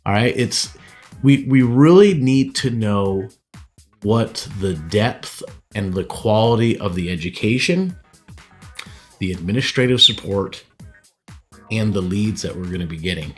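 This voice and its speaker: Man giving real estate advice, low voice. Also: lively intonation, measured pace, long pauses, soft background music. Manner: conversational, punctuates points with "all right" and "right". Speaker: real estate team leader. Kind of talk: advice talk to camera.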